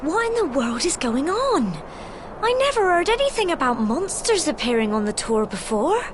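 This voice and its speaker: A woman's voice: high voice, sing-song, normal speed, background noise. A woman voicing a cheerful young village woman companion in a game, with a plucky way of talking. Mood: scolding, proud. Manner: plucky, fond of mild exclamations. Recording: game audio with loud music. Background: loud game music.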